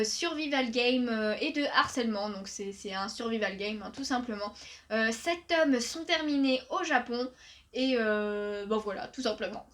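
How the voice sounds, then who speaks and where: On her video channel, a young woman reviews new releases in a relaxed chat, reading out book summaries amid lots of fillers. Her voice is high and a bit bright, fitting for a manga YouTuber.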